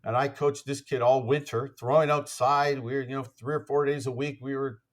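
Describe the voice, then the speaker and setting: A man's voice: mid-range voice, flat delivery, normal speed. A man, an athletics coach, telling stories as a podcast guest in a rambling way, full of fillers and restarts. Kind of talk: casual conversational storytelling.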